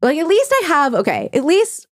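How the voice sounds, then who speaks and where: A young woman co-hosting a podcast in casual chat, animated and chatty, filling with "like" and swearing casually. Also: sits high, brisk, no echo, clean studio sound. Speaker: podcast co-host.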